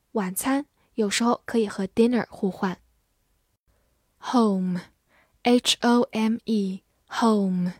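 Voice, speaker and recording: A woman teaching English vocabulary in a scripted lesson, spelling words letter by letter and repeating them slowly. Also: a little high, a little mellow, no room sound, studio quality.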